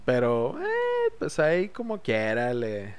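A man's voice: medium pitch, huge pitch swings, slow pace, clear, resonant tone. A young man with a Mexican accent, co-hosting a podcast with teasing, slangy banter. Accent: Mexican Spanish. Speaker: podcast co-host.

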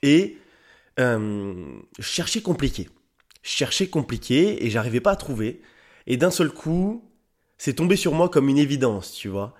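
A young man hosting his own podcast, talking casually and straight to his listeners in a slangy, excitable way. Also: mid-range voice, a little slow. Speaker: podcast host. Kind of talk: casual solo podcast talk.

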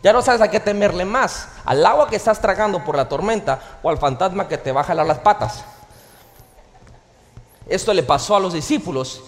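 A man preaching a sermon as pastor, animated and full of jokes, in a church hall. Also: sits high, normal speed. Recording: reverberant hall, faint ambience.

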